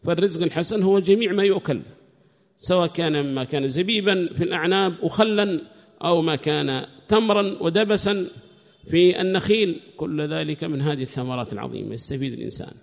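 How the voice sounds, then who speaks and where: A man's voice: fairly high pitch, fast talker, vocal fry, big-room sound. A man giving a scripture commentary lesson, explaining at length and repeating key phrases as he reasons aloud. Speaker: religious teacher.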